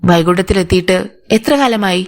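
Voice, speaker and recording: A woman's voice: lowish voice, a little fast, close to an everyday voice. A woman voicing a male police inspector who questions firmly and sternly. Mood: questioning. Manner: firm, interrogating. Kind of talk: audiobook character voice.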